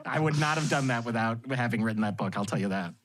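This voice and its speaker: A man guesting on a podcast, telling anecdotes in an animated way and laughing often. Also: mid-range voice, fast, a little hiss or hum. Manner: animated storyteller with frequent laughs. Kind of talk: anecdotal storytelling in conversation.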